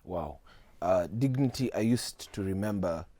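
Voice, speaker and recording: With a low-pitched, mellow and animated voice, this teenage guest, nineteen and Kenyan-accented, answers questions in a studio interview. He sounds earnest and measured, speaking steadily and dropping in Swahili slang.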